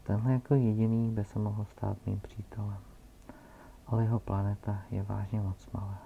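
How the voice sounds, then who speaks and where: A man reading aloud and voicing a gentle, curious little prince who asks questions softly, captured on a dull, lo-fi recording. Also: fairly low pitch, level tone, creaky, slight background noise.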